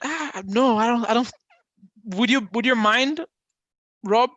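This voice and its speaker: Halting man hosting a video call. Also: very high-pitched, a bit bright, dry recording, muffled recording. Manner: halting, repeats words, chuckles. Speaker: meeting host. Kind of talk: casual video-call chat.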